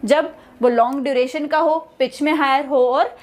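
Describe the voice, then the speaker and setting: A woman teaching pronunciation, repeating each word slowly and explaining in Hindi. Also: high voice, steady tone. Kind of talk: online language lesson.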